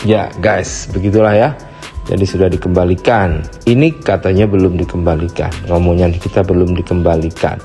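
Deep-voiced man doing gossip commentary. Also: steady tone, normal speed, dark tone, faint music behind. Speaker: gossip channel narrator. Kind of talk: casual commentary.

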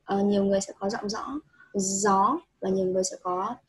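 A woman with a very breathy, husky voice tutors a student in English. She is patient and laughs easily. She mixes explanations with English phrases. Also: medium pitch, fairly even intonation, very fast, a little mellow, low-quality recording. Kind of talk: one-on-one online English lesson.

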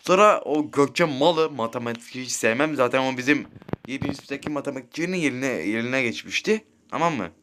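A man's voice: mid-range voice, animated, brisk, a bit bright, slight background noise. A teenage boy casually telling rambling, crude school stories while playing a mobile game, swearing often and checking in with his listeners. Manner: rambling, crude, swears a lot, keeps asking "right?". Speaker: gaming streamer. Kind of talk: casual storytelling over gameplay.

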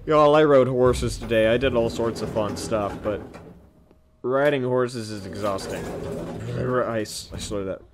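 A man's voice: mid-range voice, normal speed, background noise. A young man casually commenting on a game as its host, joking and self-deprecating. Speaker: gamer host. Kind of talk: casual let's-play commentary.

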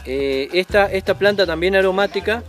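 Speaking at normal speed in a high voice, a man in his forties with an Argentine accent guides listeners through plants on a forest trail, patient but frequently hesitant. A lapel mic captures him outdoors, and music plays behind him.

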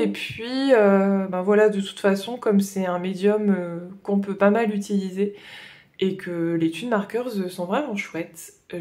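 Vlogger, young adult woman, Northern French Ch'ti accent, unhurried, halting casual chat. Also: mid-range voice, a little mellow. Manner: hesitant, many fillers and "voilà". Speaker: coloring vlogger.

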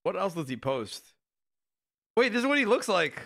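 Incredulous young man with swooping pitch. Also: very animated, vocal fry. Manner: incredulous, quick to laugh. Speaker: streamer reacting to videos. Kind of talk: casual, profane reaction commentary. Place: indoor room, seen on webcam.

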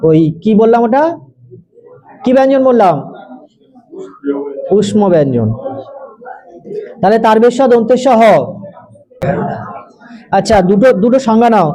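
A man with a high, mellow voice teaches a grammar class. He explains patiently step by step, repeats the key terms, and checks that the students follow. When he dictates definitions, he slows right down. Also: rough recording. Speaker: tutor. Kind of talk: Bengali grammar lesson for students.

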